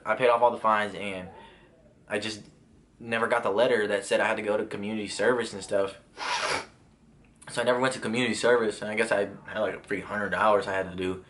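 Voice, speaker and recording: A young man vlogger with a fairly low, slightly bright voice casually tells a personal story. He rambles, restarts often, and uses lots of filler words.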